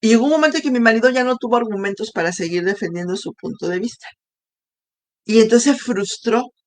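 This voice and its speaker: A woman's voice: fairly high pitch, fairly quick. Woman preaching a personal testimony. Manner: conversational storytelling, asks audience questions. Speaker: women's ministry speaker.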